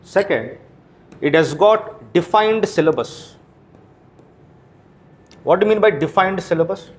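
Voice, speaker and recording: Speaking in a high voice with lively intonation at a measured pace, an Indian-accented man teaches exam candidates at a coaching class. He poses questions, answers them himself, and often tags on "right?" or "okay?".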